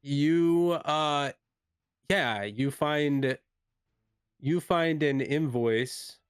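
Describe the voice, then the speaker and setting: A man's voice: fairly high pitch, clean tone, no room sound, clean studio sound. Hesitant man running a tabletop game. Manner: hesitant, halting. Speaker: game master of a tabletop role-playing game. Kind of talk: improvised narration and in-character dialogue.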